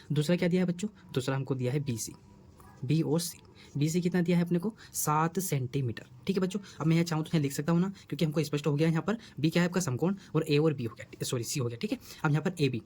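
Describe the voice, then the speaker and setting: A male teacher walks students through a math problem at a brisk clip. His voice sits slightly high, and he coaxes them with repeated questions that he then answers. A faint hum sits under the recording. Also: a little mellow. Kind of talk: whiteboard math lesson.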